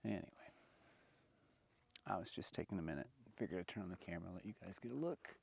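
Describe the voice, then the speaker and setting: A man's voice: sits low, lively intonation, fast, vocal fry, a little mellow, slightly rough. A man chatting casually while filming his hike outdoors in a desert canyon on a handheld camera, a bit winded from climbing. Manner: chatty, wandering, folksy. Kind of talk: casual vlog narration.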